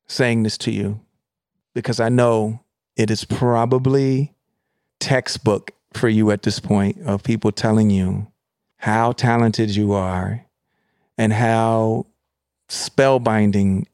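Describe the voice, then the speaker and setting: A man interviewing an actress, admiring and a little halting as he searches for words. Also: on the low side, darkish tone, clean tone, dry recording, clean studio sound. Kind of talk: casual interview chat.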